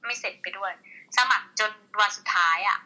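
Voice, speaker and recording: Bright, husky-voiced woman. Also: medium pitch, fairly quick, poor audio. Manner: candid, gossipy, swears casually. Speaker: teacher, interviewee. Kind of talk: casual chat.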